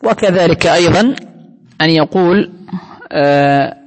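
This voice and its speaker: A man's voice: fairly high pitch, a little slow. A man giving a religious lesson in an explanatory, teacherly way, often quoting scripture. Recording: long hall reverb.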